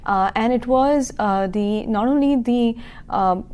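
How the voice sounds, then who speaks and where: A woman's voice: fairly high pitch, takes it slowly, darkish tone, clean tone. A woman in her thirties from Kuwait, a school founder explaining her business in a local TV interview, earnest and full of fillers. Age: 30s.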